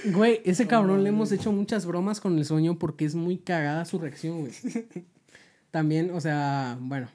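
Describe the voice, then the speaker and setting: A woman's voice: lowish voice, unhurried, pauses often, a little mellow. A young woman with a Mexican accent, telling a funny story in slangy casual chat on a podcast and laughing often. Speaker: podcast host.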